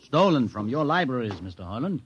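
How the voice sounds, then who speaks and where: An actor playing a learned, sardonic older leader of starship outcasts, with measured, commanding speech in vintage radio drama style. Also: male voice, mid-range voice, big pitch swings, dull audio, natural voice. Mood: probing, insistent. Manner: measured, commanding, mocking courtesy.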